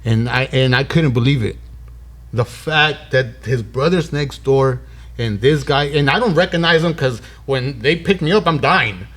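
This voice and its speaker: Measured in pace and medium in pitch, a thirtysomething podcast host tells a story full of casual slang. He animates it by acting out each line of quoted dialogue.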